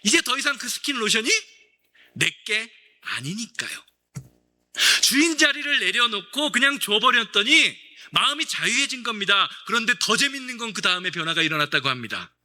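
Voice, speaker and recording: A man's voice: high voice, very animated, moderate pace, pushed and bright. A male pastor preaching a Sunday sermon, telling a story with acted-out dialogue and questions to the congregation.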